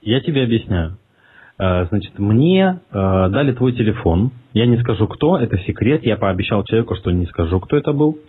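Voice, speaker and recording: A man's voice: lowish voice, sing-song, fairly quick, husky. A man making a prank phone call in a mocking, provocative way, swearing as he goes. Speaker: prank caller. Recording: tinny phone line.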